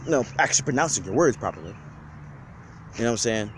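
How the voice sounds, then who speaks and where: A man's voice: mid-range voice, animated, quick pace, a bit bright, slight background noise. A man on a casual vlog giving an off-the-cuff rant, slangy and profane, rambling with many restarts. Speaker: vlogger.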